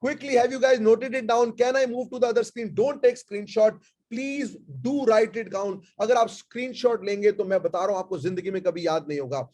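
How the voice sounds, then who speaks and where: A man with an Indian accent leads a live online vocabulary class, trading Hindi and English. His voice sits high for a man, and he stretches out and repeats each key word at an unhurried pace. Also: steady tone, a little mellow. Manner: switches between Hindi and English, repeats key words slowly.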